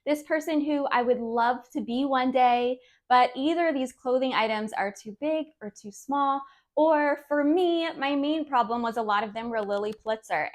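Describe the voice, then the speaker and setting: A woman in her thirties hosting a decluttering vlog, talking in a friendly, encouraging way with light laughs. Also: fairly high pitch. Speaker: decluttering channel host. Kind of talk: casual instructional vlog talk.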